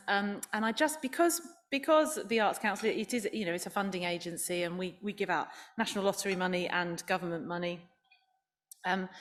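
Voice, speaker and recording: A woman speaking on a panel at a live event, chatty and informal. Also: lowish voice. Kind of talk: panel talk. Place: large event hall.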